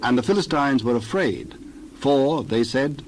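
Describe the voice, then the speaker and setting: A man's voice: medium pitch, lively intonation, measured pace, a little mellow, a little hiss or hum. A man narrating scripture from a script as part of a dramatized Bible reading.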